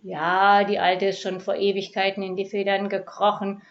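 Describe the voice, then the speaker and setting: A woman reading aloud, voicing a gruff male burglar who is meant to have a deep bass voice. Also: monotone, normal speed, muffled recording, slight background noise, natural voice. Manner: grumbling.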